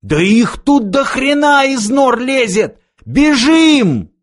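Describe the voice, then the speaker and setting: A man voicing a jumpy male companion in an audiobook who squeals and yells in alarm. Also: very high-pitched, sing-song, slow pace, pitched above the performer's own voice, heavily acted. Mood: panicked.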